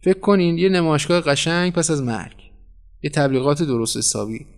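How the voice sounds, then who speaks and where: A man doing a slick editor, cool and salesy, lifts up when pitching, storybook voice. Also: close to an everyday voice. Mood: persuasive. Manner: cool, persuasive, flattering. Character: smooth, scheming middle-aged male newspaper editor.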